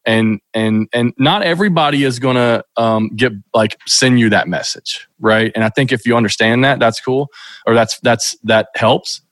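A man's voice: on the low side, a bit bright, no room sound. A middle-aged man from Kentucky, a podcast guest telling stories in a casual, rambling way with many restarts. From Kentucky, USA. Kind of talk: casual interview storytelling.

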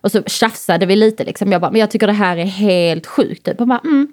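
A woman co-hosting a podcast, chatting casually and telling animated stories with plenty of swearing. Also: mid-range voice. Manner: animated storytelling, swears freely. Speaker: podcast co-host. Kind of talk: casual chat.

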